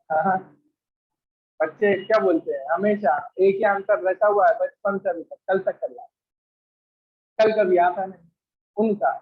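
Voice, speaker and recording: A man's voice: high voice, husky, highs cut off. A man teaching chemistry to a classroom of students, quizzing them with repeated questions and rattling off lists of elements at speed. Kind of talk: classroom lecture.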